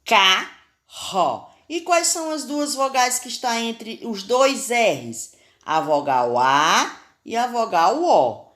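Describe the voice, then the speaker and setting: A woman's voice: fairly high pitch, expressive, slow. A woman teacher with a Brazilian Portuguese accent, giving a recorded spelling lesson to children and carefully sounding out letters and syllables.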